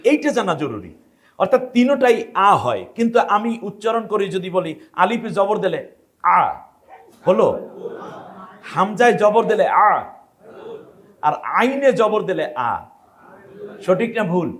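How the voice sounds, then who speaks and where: A high-pitched man from Bangladesh teaches a class how to pronounce the Quran, quizzing the students and demonstrating the sound of each letter.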